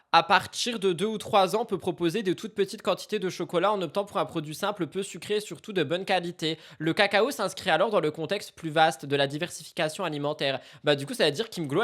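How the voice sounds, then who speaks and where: A man chats through a live stream in a casual, sarcastic way. He keeps slipping into loud, mock-outraged rants at the people watching. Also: high-pitched, quick pace. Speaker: streamer reacting to celebrity news.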